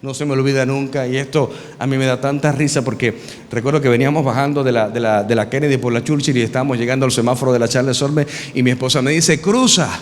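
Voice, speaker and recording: A man pastor preaching with humor, telling stories in an animated way and sometimes shouting. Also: medium pitch, fast. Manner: animated storytelling, bursts of shouting. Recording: reverberant hall, faint noise.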